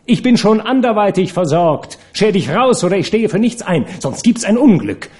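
A man putting on a shrill furious young woman. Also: animated, a little fast, close to an everyday voice. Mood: threatening. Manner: shrill, scolding, shouting. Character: fiery young Parisian woman, actress and courtesan, furious.

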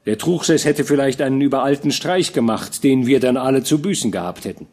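A man reading a veteran army commander who speaks to a young knight in a warm, fatherly, measured way. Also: mid-range voice, voice pushed up, lightly acted. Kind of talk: audiobook character reading.

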